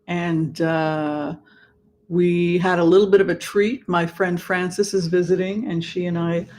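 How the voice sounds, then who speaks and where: A livestream host chatting casually with viewers in a theatrical, camp manner, with halting, drawn-out phrasing. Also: mid-range voice, little pitch movement, a little mellow. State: allergies, occasional throat clearing. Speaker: livestream host and tarot reader.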